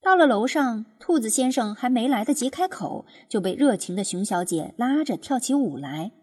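A woman narrating a children's storybook in an expressive, lively storytelling manner. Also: fairly high pitch, normal speed, breathy edge. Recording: music playing behind.

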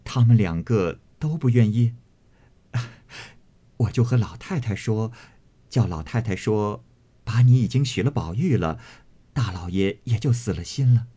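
A man's voice: lowish voice, expressive, measured pace, warm tone, breathy edge. A man reading the part of a playful young maidservant who teases lightly. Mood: teasing. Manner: teasing, light.

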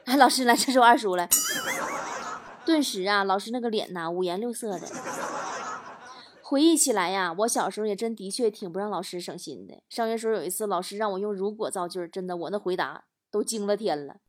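A woman's voice: mid-range voice, brisk. A woman talk show host telling funny stories with animation and acting out voices. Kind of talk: comedic storytelling.

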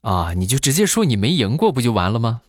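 A man in his thirties telling comic stories in a chatty way, filling pauses with drawn-out fillers. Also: medium pitch, sing-song, background noise. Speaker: comedy vlogger. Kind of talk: comic storytelling monologue.

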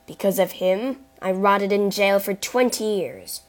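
A woman voicing a bitter, vengeful middle-aged nobleman who speaks low, cold and subdued. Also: measured pace, close to an everyday voice, rough recording.

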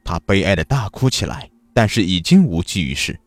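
A man narrating a dark story in an expressive, dramatic manner. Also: sits low, a little fast, no room sound.

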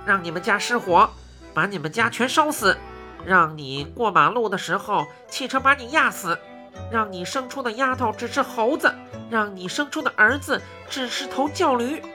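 A woman voicing a small red pig-like beast that shouts insults at everyone, in a storybook reading with faint music behind. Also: fairly high pitch, lively intonation, moderate pace. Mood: cursing.

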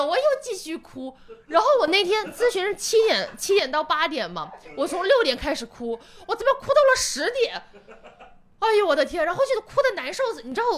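High voiced lady comic on a podcast, candid, laughs a lot while telling stories. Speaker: stand-up comedian guest. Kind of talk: casual podcast chat.

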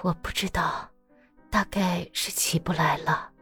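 A woman's voice: lowish voice, steady tone, measured pace, no echo, faint music behind, exaggerated voice. A woman voicing a frail dying young wife. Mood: weak, tender. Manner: faint, breathy and hushed. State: gravely ill, weak. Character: dying young peasant wife, weak and tender.

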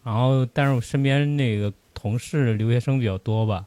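A man's voice: medium pitch, a little fast, mellow. A man from the audience chatting casually, rambling and giggling often. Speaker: audience member. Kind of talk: casual chat.

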